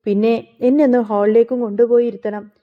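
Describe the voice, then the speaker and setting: A woman's voice: on the high side, steady tone, a little fast, natural voice. A woman voicing a proud, bedridden middle-aged mother who scolds sharply. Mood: scolding. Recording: phone-like narrow sound.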